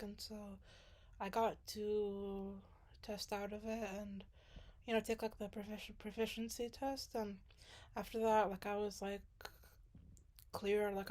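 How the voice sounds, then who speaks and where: This young woman from Sudan, a grad student, has a medium-pitched, slightly mellow voice as she chats casually, meandering with plenty of fillers and restarts.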